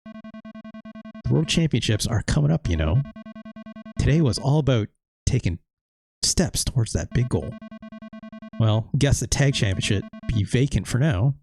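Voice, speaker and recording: A man's voice: mid-range voice, big pitch swings, a little slow, pauses often, darkish tone, faint music behind. A man casually commenting while playing a video game, with wry, sarcastic asides. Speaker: let's play host.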